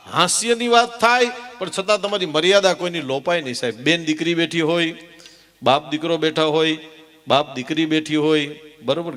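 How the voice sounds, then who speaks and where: A man's voice: on the high side, fairly bright tone. A man with a Kathiawadi Gujarati accent, performing live dayro storytelling with humor, speaking emphatically and calling the audience "saheb" as he goes. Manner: rhythmic declamation of rhyming lists. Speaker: folk stage storyteller and humorist. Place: live stage program at a temple event. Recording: live PA sound with long hall reverb and faint music.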